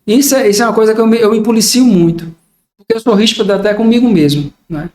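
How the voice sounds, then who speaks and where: A man's voice: sits high, fast, darkish tone, reverberant. An older man, a podcast guest talking in a reflective way and acting out everyday examples. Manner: reflective, explains with acted-out examples. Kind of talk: casual podcast conversation.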